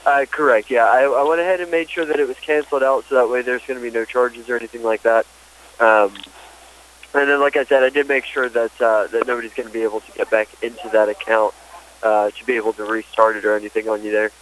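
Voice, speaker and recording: A man's voice: mid-range voice, fairly even intonation, a bit bright, low-quality recording. Informal male customer service phone agent. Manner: informal, halting, reassuring. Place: on a phone call.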